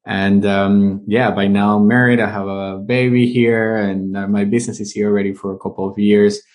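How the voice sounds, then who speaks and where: A man from Venezuela in his thirties, a business owner telling his career story in a casual interview, animated as he tells it. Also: lowish voice, normal speed. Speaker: guest, live streaming business owner.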